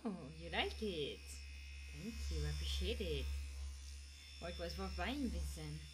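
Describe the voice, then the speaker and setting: This woman's fairly low, expressive voice moves at a measured pace as she chats casually with viewers on her live ASMR stream, frequently checking in with them in a coaxing manner. Behind her, a handheld massager's electric motor buzzes clearly.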